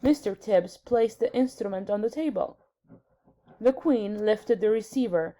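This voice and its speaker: Female reader for children's book narration, taking her time, with a relaxed tone. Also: medium pitch, unhurried, poor audio. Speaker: story reader.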